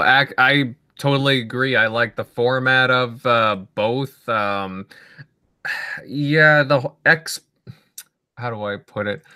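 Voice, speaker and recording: Bright-voiced male podcast host. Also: lowish voice, clean tone, dry recording, studio quality. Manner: relaxed, conversational, leads the talk. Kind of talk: casual podcast chat.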